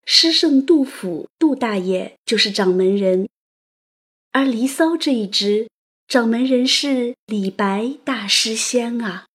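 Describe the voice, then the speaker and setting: Slow, breathy woman narrating stories. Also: on the high side. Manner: playful, chatty asides and exclamations. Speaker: narrator and audio host. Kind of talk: scripted storytelling narration.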